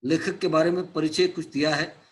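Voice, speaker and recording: Male teacher, explaining a play, retells stage directions, glosses words in English, slightly high voice. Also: steady tone, moderate pace, slight background noise.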